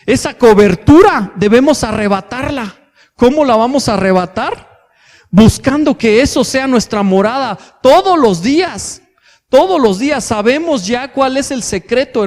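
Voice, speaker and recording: High-voiced Mexican preacher in a reverberant hall. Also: male voice, a little mellow. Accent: Mexican Spanish. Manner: addresses congregation as brothers, asks rhetorical questions; hesitant fillers and restarts. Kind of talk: sermon. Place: church hall.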